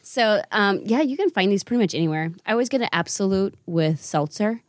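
A woman's voice: medium pitch, animated, fairly quick, slight background noise. A woman hosting a casual tasting chat, giggly and chatty, admitting she is a bit tipsy. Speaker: host.

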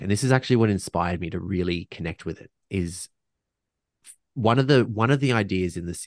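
A man's voice: deep voice, creaky, dry recording, studio quality. A man speaking as a podcast guest in casual conversation, reflective and earnest, restarting sentences often and sprinkling in slang.

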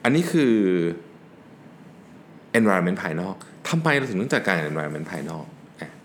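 A man with a low, deep voice gives a relaxed solo talk on working better. He explains things casually, slipping English work terms into his sentences. A faint background noise sits under his voice. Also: measured pace. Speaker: podcast host and business owner.

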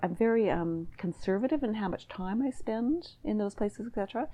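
A middle-aged Canadian woman appears as a guest in a reflective, conversational interview, choosing her words thoughtfully and hesitantly and restarting often. Her voice is medium-pitched, animated and warm, at a moderate pace.

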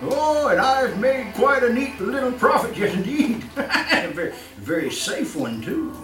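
An exaggerated, very high voice with big pitch swings moves a little slowly as an actor portrays an older killer full of gleeful menace. Performing old-time radio horror live on stage, he stammers and chuckles with mock courtesy, captured in a roomy, distant recording with music.

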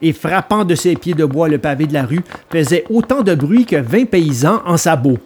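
A man narrating a children's storybook aloud in an expressive, dramatic read-aloud manner. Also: a little high, normal speed, slight background noise.

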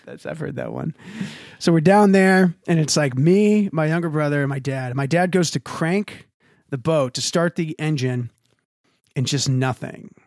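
A young man telling a funny family story in a casual chat, animated, laughing often, with many fillers. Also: a little high, measured pace, no echo, studio quality. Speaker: podcast guest telling a story.

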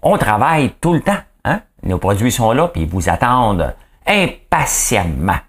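A man's voice: fairly low pitch, very animated, a little slow. A man with a Quebec French accent hosting a daily news podcast, commenting casually in a rambling, chatty way with many fillers and asides.

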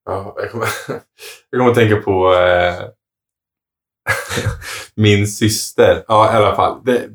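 A man's voice: on the low side, gravelly, long pauses. A man telling a funny story in casual chat. He laughs often and acts out what each person said. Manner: animated storyteller, quotes others with "jag bara", laughs often.

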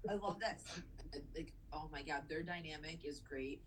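A woman's voice: deep voice, normal speed, a little hiss or hum, low-quality recording. A woman co-hosting a podcast in casual movie chat, emotional and enthusiastic, swearing casually. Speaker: podcast co-host.

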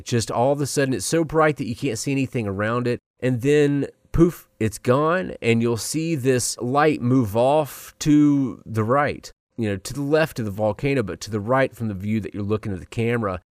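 A man's voice: medium pitch, normal speed, few pauses, darkish tone, no echo, studio quality. A man hosting a casual talk show, speaking conversationally and straight to his listeners. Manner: conversational, addresses listeners directly.

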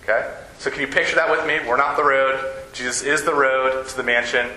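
A man's voice: mid-range voice, fairly even intonation, fairly quick, pushed and bright, a little hiss or hum. A man giving a conversational, joking sermon as a preacher, often checking in with his listeners. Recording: echoey room.

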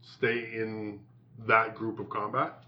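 A man at a tabletop game talks through his moves, pausing as he thinks. His voice is on the low side. The sound is muffled, with faint noise behind it. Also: flat delivery. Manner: thinking aloud, halting. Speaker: player. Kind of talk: casual tabletop game talk.

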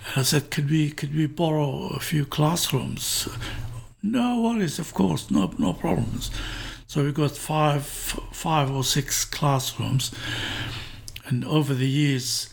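An older man born in northern Iraq reminisces as an interview guest, speaking hesitantly and often repeating or restarting words. His medium-pitched voice is gravelly and husky.

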